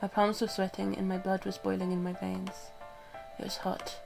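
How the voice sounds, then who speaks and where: Gravelly woman streamer with a cold. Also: medium pitch, completely flat delivery, moderate pace, music in the background. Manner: narrating in first person, with asides. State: has a cold. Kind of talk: reading a visual novel aloud.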